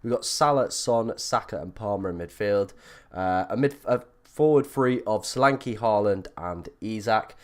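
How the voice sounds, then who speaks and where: A man hosting a casual livestream with a croaky, froggy voice from being ill, chatting informally and a little self-deprecatingly. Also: fairly low pitch, measured pace. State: ill, under the weather. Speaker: livestream host.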